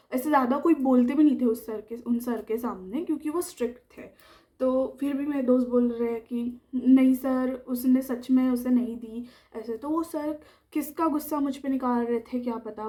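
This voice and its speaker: A young woman with a high, mellow voice recounts a school mishap in a casual vlog storytime. She talks in a chatty, animated way and slips into the voices of the people she quotes. She sounds relaxed and never harsh. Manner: chatty, animated retelling that acts out the quoted lines. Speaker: storytime vlogger.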